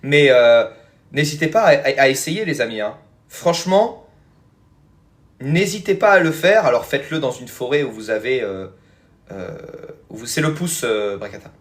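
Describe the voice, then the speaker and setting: This man speaks at a normal speed in an expressive, medium-pitched voice. He's a spiritual teacher on a live stream, casually chatting and responding to viewer comments, full of fillers and "hein," rambling along and addressing his audience as "les amis."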